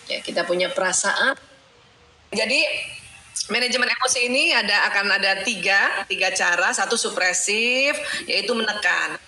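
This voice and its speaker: Female doctor-teacher, religious talk, bright voice, explains step by step, echoey room. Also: mid-range voice, normal speed. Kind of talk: religious talk on managing emotions. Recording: roomy echo.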